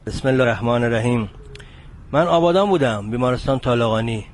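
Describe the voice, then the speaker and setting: A man's voice: medium pitch, lively intonation. An older man, a former wartime nurse, giving plain explanatory answers in an interview.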